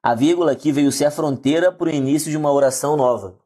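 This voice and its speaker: A Brazilian man teaching a lively online grammar lesson, talking straight to the viewers. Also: on the high side, fast, breathy edge. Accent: Brazilian Portuguese. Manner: lively, addresses viewers directly.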